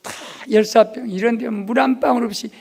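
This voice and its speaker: Man pastor preaching in a church, highish voice, goes from whispers to shouting. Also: steady tone, fairly quick, vocal fry, slightly rough. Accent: Korean. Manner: swings from soft hushed asides to loud shouted exclamations. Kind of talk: revival sermon. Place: church sanctuary.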